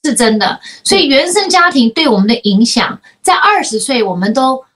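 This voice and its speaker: A woman in her forties, co-hosting a casual talk show, telling stories in a lively way and mixing in English words. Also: fairly high pitch, normal speed. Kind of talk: casual chat.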